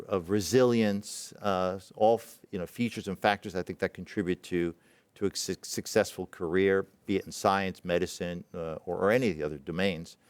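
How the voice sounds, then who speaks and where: A middle-aged man born in Israel tells a personal story in a talk, halting and reflective, with many fillers and restarts. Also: sits low, smooth, no echo. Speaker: presenting physician.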